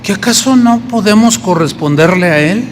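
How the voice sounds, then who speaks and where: A Mexican-accented pastor preaches in a loose, conversational way, slipping into the voices of the people he quotes. His voice sits high for a man. The sermon rings through a hall with a long echo over a faint hiss of background noise. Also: lively intonation, normal speed.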